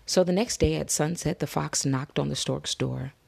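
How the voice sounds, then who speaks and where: A woman reading a children's fable aloud, slow and expressive. Her voice is low, gravelly and very husky. She often drops into soft whispers to build suspense. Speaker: storybook reader. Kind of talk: children's story read-aloud.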